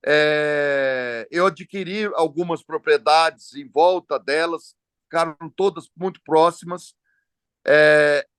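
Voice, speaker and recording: A man's voice: fairly high pitch, smooth, dry recording, studio quality. A man being interviewed as an entrepreneur, talking casually over a call and telling stories with many hesitations and restarts. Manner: relaxed, storytelling with frequent hesitations. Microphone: phone or video call.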